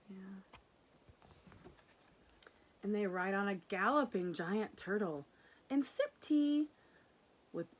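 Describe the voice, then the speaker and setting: A woman with a fairly low voice acts as a teacher for young children, reading a picture book aloud and explaining it simply and affectionately in a casual way. The recording is rough, with slight background noise.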